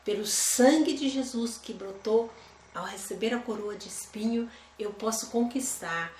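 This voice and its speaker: A woman leads a Bible study lesson in a fairly high voice. She keeps it conversational and checks in with her listeners through rhetorical questions. The sound bounces around an echoey room. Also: unhurried, a little mellow, a little hiss or hum.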